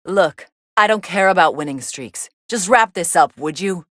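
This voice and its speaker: Android 18, low-voiced deadpan game commentator. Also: female voice, normal speed, no room sound. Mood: scornful, irritated. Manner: deadpan, dry, aloof. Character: cool, sardonic young female android fighter commentating on battles. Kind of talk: video game fight commentary voice lines.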